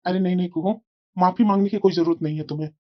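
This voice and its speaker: A woman's voice: fairly low pitch, fairly even intonation, rapid-fire, natural voice. Cartoon young husband, firm and lecturing; voiced by a woman, dull lo-fi recording. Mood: reassuring. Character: young husband, reasonable and scolding. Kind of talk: cartoon voice acting.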